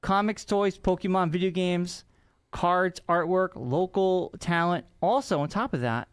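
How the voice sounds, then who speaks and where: A man co-hosting a podcast in casual chat, animated and quick to laugh. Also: clean tone, no room sound, studio quality. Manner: animated, jumps in pitch when excited. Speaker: podcast co-host.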